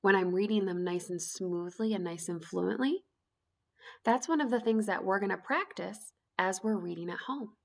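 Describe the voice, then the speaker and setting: A woman teacher giving a reading lesson to young children, speaking slowly and clearly in an encouraging way. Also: medium pitch.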